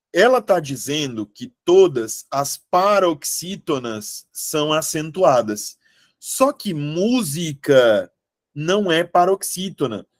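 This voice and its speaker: A man's voice: fairly high pitch, no room sound, studio quality. A young adult man teaching a Portuguese grammar lesson for exam prep, checking in often with the class. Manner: lively, coaxing, asks the class frequent checks.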